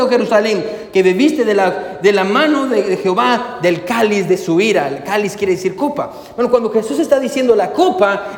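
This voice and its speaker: A man's voice: very high voice, a little mellow. A man preaching a sermon as pastor, with bursts of emphasis, again and again calling out to his listeners as brothers. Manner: preaching with bursts of emphasis, repeatedly addressing "hermano". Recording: echoey hall, long reverb.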